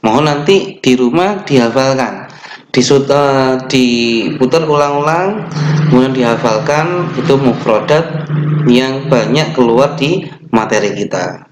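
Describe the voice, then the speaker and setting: A young male teacher with an Indonesian accent gives a children's online lesson from a webcam at his desk. He talks slowly and patiently, fixing his own slips as he goes. The small room around him is echoey. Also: mid-range voice, lively intonation, background noise. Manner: slow, patient explaining with fillers and self-corrections; chants the opening prayer.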